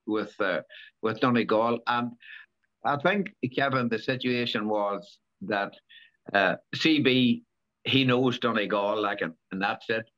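A man in his seventies, a former rally driver, talking in a casual interview, halting and repeating words with many fillers. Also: medium pitch, a bit bright. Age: 70s. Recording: dull lo-fi recording.

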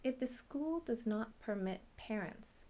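A middle-aged woman and parent hosting a podcast, telling her family's story in measured, earnest scripted narration. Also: a little high, lively intonation, warm tone.

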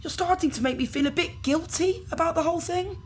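In a science fiction audio drama, a woman with a very high, brisk voice plays an organ harvester who is casual and apologetic. Her delivery is nonchalant and hesitant, awkward in a polite sort of way.

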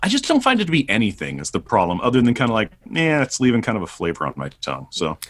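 A man's voice: mid-range voice, wildly swooping pitch, fast. A man hosting a podcast in casual review chat, often asking and answering his own questions. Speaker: podcast host.

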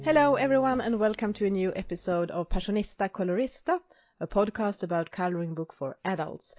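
A woman's voice: medium pitch, fairly quick, a little mellow, faint music behind. A woman hosting a podcast interview, asking brief, direct questions. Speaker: podcast host. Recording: muffled lo-fi audio.

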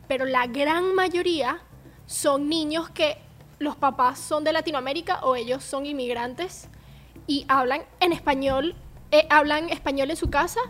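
A woman's voice: high-pitched, a little slow, a bit bright. A young Venezuelan woman in casual family chat, long-winded and insistent. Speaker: daughter and co-host.

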